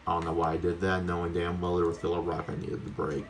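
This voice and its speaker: Male game streamer, deep register, chatty off-the-cuff commentary to viewers, slightly noisy recording with ambience. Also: monotone, fast talker. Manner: chatty, rambling, talks to viewers; casually sweary. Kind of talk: casual gameplay commentary.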